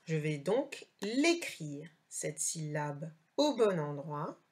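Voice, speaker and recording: A woman teacher, recording a slow dictation lesson for a child and carefully articulating each word. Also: sits low, very animated, a little mellow.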